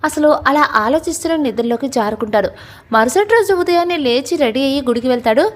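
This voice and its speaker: A woman's voice: sits high, lively intonation, brisk. A woman narrating a family love story, reading it plainly and doing the dialogue herself.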